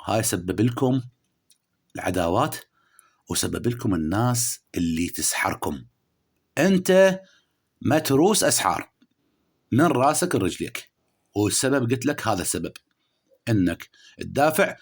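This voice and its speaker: A man with an Iraqi Arabic accent, giving a spiritual horoscope reading straight to the listener. His voice sits at an ordinary middle pitch. He lectures and scolds, swinging from loud, stressed bursts to low, muttered asides. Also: big pitch swings, normal speed, pauses often. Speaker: spiritual astrology reader. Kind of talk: direct-address horoscope reading.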